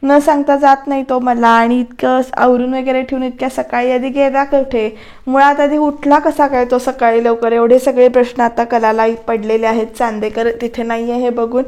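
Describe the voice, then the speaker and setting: A woman with a high voice narrates a TV serial recap over a voice-over mic. She is chatty and easygoing, and she keeps turning to talk straight to her viewers. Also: level tone, moderate pace, darkish tone. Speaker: TV serial reviewer.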